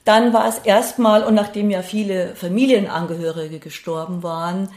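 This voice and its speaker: A middle-aged interview guest from Bavaria, Germany, talks at normal speed in a mid-range, slightly mellow voice with fairly even intonation, in a roomy-sounding recording. She sings and leads a grief singing circle, and she reflects carefully, feeling for words and using brief tag questions to invite agreement.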